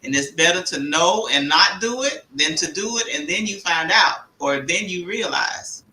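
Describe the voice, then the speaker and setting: A woman's voice: lowish voice, expressive, moderate pace, sharp tone, slight background noise, poor audio. A woman co-hosting a casual talk show, direct and advising. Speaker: co-host.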